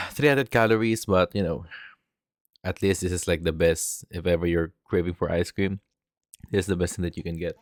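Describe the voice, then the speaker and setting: A man's voice: low voice, moderate pace, dry recording, studio quality. A young man, hosting a casual reaction video and chatting while eating. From Philippines. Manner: chatty, eating while talking, mixing English and Tagalog. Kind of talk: casual chat.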